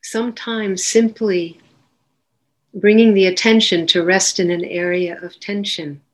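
This guided meditation is led by a woman whose medium-pitched voice keeps a fairly even intonation. As the teacher, she offers gentle, unhurried directions with lengthy pauses between phrases.

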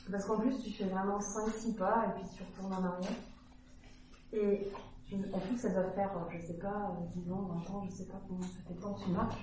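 A woman's voice: medium pitch, fairly even intonation, moderate pace, long pauses, far from the mic, noisy background. Woman asking a question, casual and musing, heard from afar in a very echoey room with faint ambience. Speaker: retreat participant asking a question.

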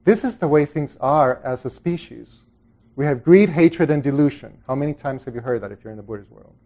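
A middle-aged Salvadoran man teaching Buddhist meditation talks informally to a group about the dharma, reflective and conversational, with frequent asides that trail off. His voice is medium-pitched and dark-toned, and he speaks a little fast.

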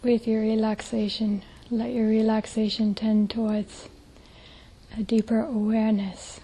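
A woman leads a guided meditation, her slightly high voice moving little in pitch. She speaks as a teacher in a soft, breathy, hushed way with long pauses, and the recording is rough.

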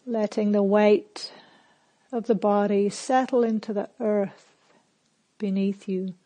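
Calm and gentle, a woman with a medium-pitched voice guides a meditation, pacing her instructions with spacious phrasing and long pauses.

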